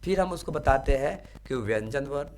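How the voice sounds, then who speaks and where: A man's voice: medium pitch, expressive, moderate pace, a little mellow, a little hiss or hum. A male teacher giving a classroom lecture, explaining step by step and checking in with his students. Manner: explanatory, asks students rhetorical check-in questions.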